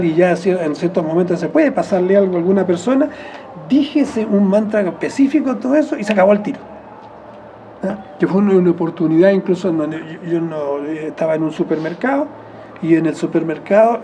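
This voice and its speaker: A man with a Chilean accent, explaining in a rambling, reflective way as an interviewee, often correcting himself mid-phrase and chuckling softly. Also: sits high, a little hiss or hum.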